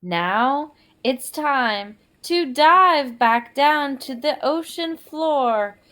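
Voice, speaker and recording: This high-voiced teacher is a woman reading a movement story to children. Her delivery is expressive and deliberate, and she prompts listeners through questions and repetition of words.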